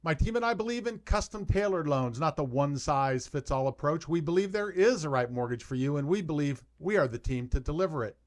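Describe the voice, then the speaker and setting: A man's voice: on the high side, expressive, a little fast, hardly any pauses. An older man hosting a casual real estate interview, friendly and a bit stumbling. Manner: friendly, stumbling over words. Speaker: podcast host, mortgage lender.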